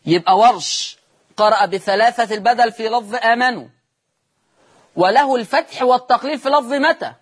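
A man's voice: extremely high pitch, fairly quick. Egyptian man teaching Quran recitation. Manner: explains rules, demonstrates recitations and answers his own questions. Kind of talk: televised recitation lesson. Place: TV studio.

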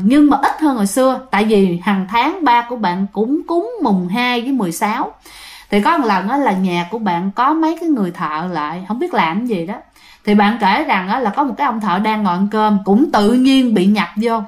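A woman with a Southern Vietnamese accent casually telling a ghost story, chatting straight to her listeners with lots of fillers. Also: fairly high pitch. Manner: chatty, addresses listeners directly, many fillers.

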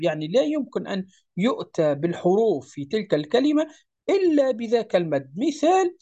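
A recitation teacher explaining a lesson, who chants verses slowly, repeats points and checks that the listener understands. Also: medium pitch, a little mellow. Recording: dull lo-fi recording.

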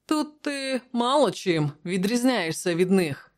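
A narrator reading an audiobook voices a cheerful young nobleman with a light, teasing tone, pitched higher than the narration. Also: expressive, a little slow, natural voice. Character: cheerful young nobleman friend of the king, man.

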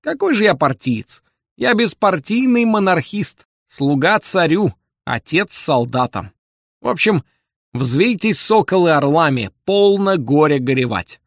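Brief: male reader playing a slick, good-humored swindler with a bouncy, lively delivery, close and dry. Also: a little high, measured pace, no room sound, voice pushed up, heavily acted. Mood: genial. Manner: genial, playful, glib. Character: confident smooth-talking male con man.

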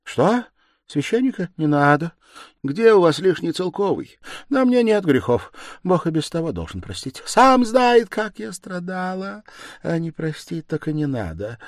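A man reading an audiobook voices a dying, delirious woman with a hoarse, gasping voice and shrill, desperate cries. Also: big pitch swings, unhurried, dry recording, studio quality. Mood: bitter. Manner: shrill cries and sudden outbursts.

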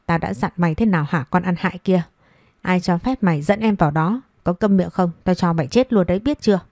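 A woman's voice: on the low side, fairly quick, a little mellow, dry recording, studio quality, natural voice. A woman voicing a cruel village wife who hisses and scolds a child in a storybook reading. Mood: furious. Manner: hissing, scolding.

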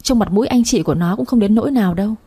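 A heavy-set jealous wife spits insults and threats in a husky, dark voice, as a woman narrator plays her. She sounds coarse and menacing. It is a storybook reading. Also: mid-range voice, racing. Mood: contemptuous, threatening.

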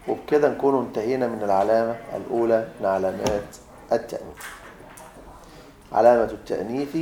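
Egyptian grammar teacher in an echoey classroom. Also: male voice, medium pitch, creaky, noisy background. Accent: Egyptian Arabic. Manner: quizzes students, repeats points, teasing asides. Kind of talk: classroom lecture. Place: classroom with students.

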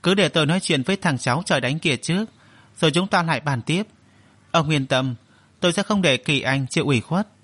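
A man's voice: a little high, a bit bright, breathy edge, dry recording. A man voicing a blunt, protective old grandfather in an audio story, talking firmly and in a hurry. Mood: impatient. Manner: hurried, firm.

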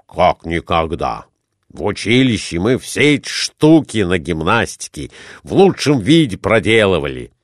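A man's voice: low voice, very animated, a little slow, no echo, studio quality, full character voice. A man voicing a clumsy middle-aged husband who grumbles and mutters in a storybook reading. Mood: grumbling.

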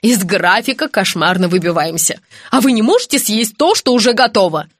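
A woman reading an audiobook, voicing a brisk, pushy female television director giving orders on set. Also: mid-range voice, animated, no echo, clean studio sound, close to an everyday voice. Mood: pleading. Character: fussy bossy woman TV director.

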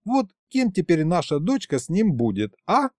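A man's voice: sits high, huge pitch swings, moderate pace, no echo, voice pushed up, exaggerated voice. A man reading an audiobook, voicing a young female snow maiden who drawls and frets in a raised, whiny voice. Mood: whiny pleading. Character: young woman, snow maiden, sulky and fretful. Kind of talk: audiobook character voice.

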